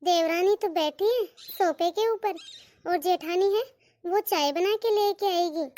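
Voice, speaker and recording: A woman's voice: very high voice, a little slow, a little mellow, dry recording. A woman voicing a stern but fair mother-in-law in a cartoon, scolding and giving orders. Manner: scolding, commanding, calls daughters-in-law "bahu". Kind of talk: cartoon voice acting.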